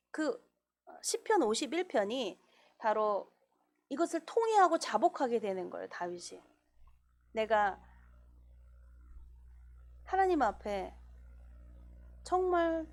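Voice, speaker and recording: A woman preaching a sermon in a church, acting out quoted voices as she goes. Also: on the high side. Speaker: pastor.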